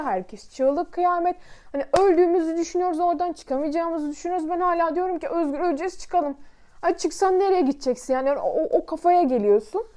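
A woman's voice: high voice, dark tone. A woman vlogger telling a personal story in an emotional, vivid way.

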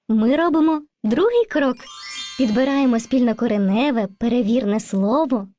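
In an educational cartoon, a woman with a high-pitched voice plays a kind, patient female spirit of language who teaches children, gently coaxing them with terms of endearment.

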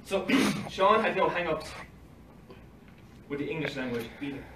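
A young man gives a conference talk from a lectern, reading an academic paper from notes and dropping dry asides with short laughs. His voice is fairly high, expressive and a little slow. A phone camera across a library meeting room catches him, so the sound is roomy and distant with faint hiss, like a livestream.

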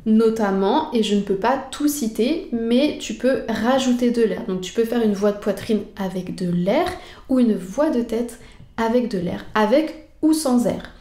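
A woman's voice: on the high side, unhurried, warm tone, reverberant. A woman singing teacher patiently explaining vocal technique straight to the viewer.

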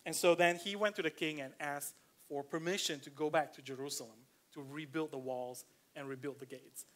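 A Malaysian-accented pastor gives a relaxed, conversational sermon in a church, reading scripture aloud. His voice is somewhat high for a man, and he uses plenty of fillers, slowing down when he wants a point to land.

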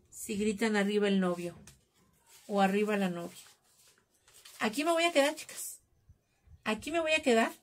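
A woman with a Mexican accent runs a live craft tutorial, talking casually and cracking jokes with her viewers as she works. Her voice sits a little high, and she sometimes drifts off the mic while busy with her hands. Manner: chatty, jokey, calls viewers "chicas". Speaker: craft class host.

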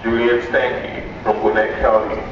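A man calling out classes and riders as a horse show announcer over a PA system, in a flat, measured announcing manner. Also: mid-range voice, noisy background. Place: outdoor horse show grounds. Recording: distant echoey PA, lo-fi camera audio.

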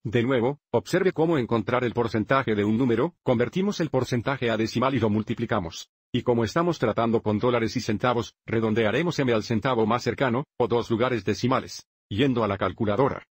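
A man narrating a dubbed math lesson, explaining each step in a steady, methodical way. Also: medium pitch, fairly quick, breathy edge, no room sound. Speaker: math teacher.

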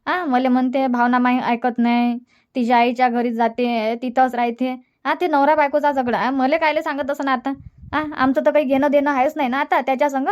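Cartoon: woman voicing an elderly village mother, high, sharp-tongued, stubborn. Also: little pitch movement, fairly quick, lightly acted. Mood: complaining. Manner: scolding, repetitive, dismissive. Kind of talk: cartoon comedy dialogue.

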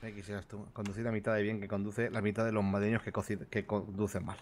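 A man's voice: lowish voice, level tone, fast, slight background noise. A man, a co-player in a casual gaming chat, teasing and mocking with crude banter.

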